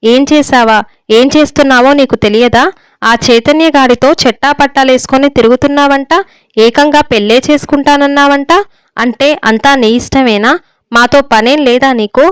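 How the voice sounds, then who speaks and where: A woman reading a story voices a stern, domineering older father who shouts and scolds harshly, in a dry, clear recording. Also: high voice, fairly even intonation, moderate pace, dry recording, lightly acted. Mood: angry.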